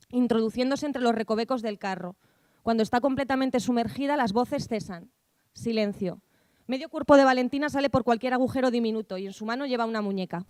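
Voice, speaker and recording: A woman reading a theatre script with lively, bossy, gossipy family chatter. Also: fairly high pitch, smooth, dry recording, close to an everyday voice. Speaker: actor reading stage directions and roles.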